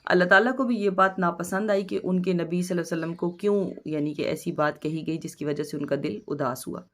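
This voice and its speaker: Soft-spoken Pakistani woman teaching a lesson. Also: fairly low pitch. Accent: Pakistani Urdu. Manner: reads word meanings slowly, stressing each word. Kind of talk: recorded study lesson.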